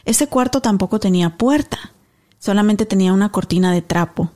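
Thirtysomething woman spinning a creepy tale on a podcast, mellow voice, acts out all the parts. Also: medium pitch, brisk. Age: 30s. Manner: animated storyteller, acts out dialogue. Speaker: podcast co-host. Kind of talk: casual storytelling.

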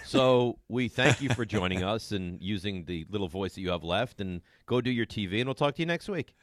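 A man co-hosting a sports radio show, teasing his co-hosts in casual banter and getting louder and higher when he argues his case. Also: brisk, no room sound, clean studio sound. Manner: teasing, animated, voice rising when indignant.

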